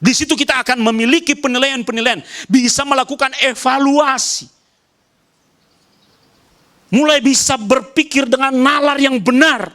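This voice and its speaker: A male pastor from Nias preaching a sermon with emphasis. He swings between loud raised calls and soft low asides, repeats short phrases and speaks straight to the congregation. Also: normal speed. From Nias, Indonesia.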